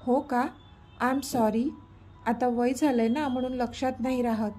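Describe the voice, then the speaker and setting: Cheeky old granny, voiced by a lady, mellow tone. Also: on the high side, steady tone, a little slow, faint music behind, close to an everyday voice. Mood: sly. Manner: sly, teasing. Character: mischievous old grandmother.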